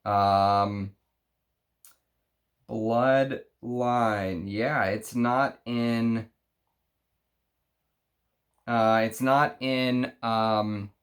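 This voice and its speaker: A man with a Texas accent chatting unscripted through an unboxing, halting and thinking aloud as he reads out names. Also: mid-range voice, fairly even intonation. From Texas, United States. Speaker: fragrance review show host. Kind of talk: unscripted unboxing chat, reading out names and notes.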